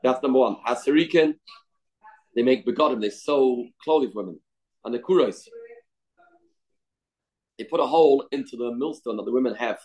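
A male teacher leads an informal religious class at a mid-range pitch. He alternates reading from a text with plain explanation, repeating himself and putting rhetorical questions as he goes. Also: moderate pace, long pauses, darkish tone, muffled recording. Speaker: Torah teacher.

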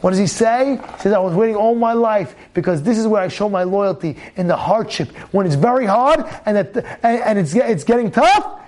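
A man's voice: high-pitched, expressive, fairly quick, few pauses, darkish tone. A man giving a rousing, emphatic Torah class, repeating his points for force. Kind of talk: sermon.

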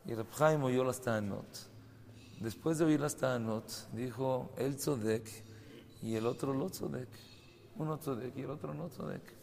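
Gravelly-voiced rabbi teaching in a hall. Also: male voice, medium pitch, a little slow. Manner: animated storytelling, sudden loud bursts. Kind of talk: Torah lesson with stories. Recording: long reverb hall, faint ambient noise.

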